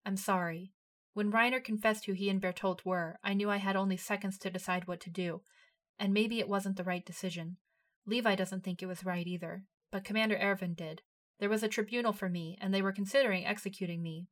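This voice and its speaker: A woman voicing a guilty, scheming young woman soldier who apologizes quietly in a read-aloud story. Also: mid-range voice, steady tone, a little fast, close to an everyday voice.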